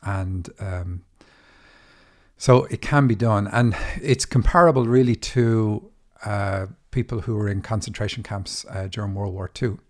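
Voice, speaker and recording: A middle-aged Irish man hosting a dream interpretation podcast, talking quickly in a casual monologue with many fillers and restarts. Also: on the low side. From Ireland.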